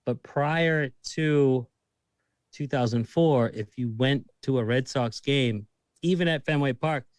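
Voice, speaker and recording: Lively Boston man telling stories. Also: medium pitch, takes it slowly, dry recording. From Massachusetts. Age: 30s. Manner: lively storyteller, swears casually. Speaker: guest. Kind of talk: casual chat.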